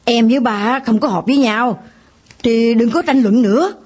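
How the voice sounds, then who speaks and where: An actress playing a young daughter in a radio drama who tries to calm a family quarrel. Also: female voice, a little high, moderate pace, husky. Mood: placating. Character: young daughter, sibling peacemaker. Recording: dull lo-fi radio drama recording.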